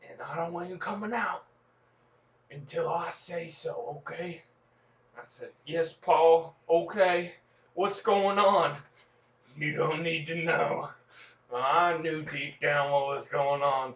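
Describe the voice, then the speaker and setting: A podcast host with a fairly bright voice on the high side plays a young frontier farm boy spinning a rambling tall tale in an exaggerated Old West drawl. The comedic improvised yarn is folksy, full of gasps and exclamations, and recorded lo-fi and echoey on a distant mic.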